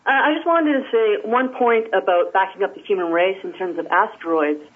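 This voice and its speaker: A woman calling in to a radio show over a Skype line that keeps breaking up and cutting out. She speaks hesitantly and thoughtfully, with pauses. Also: medium pitch, breathy edge. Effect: internet call breaking up and cutting out. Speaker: caller. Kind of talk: call-in radio comment. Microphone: Skype call. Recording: tinny, choppy internet phone line.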